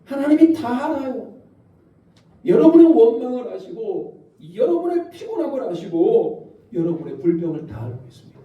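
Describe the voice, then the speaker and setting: A man's voice: very high-pitched, very animated, moderate pace, dull audio. A male pastor preaching a sermon, posing questions to the congregation. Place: church sanctuary. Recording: echoey church hall from far off.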